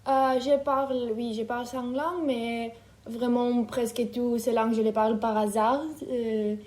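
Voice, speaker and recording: A woman in her twenties from Ukraine, speaking French, answering interview questions thoughtfully with many pauses. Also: on the high side, little pitch movement, darkish tone. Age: 20s. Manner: hesitant, thoughtful, many fillers. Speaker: interview guest. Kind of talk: casual interview.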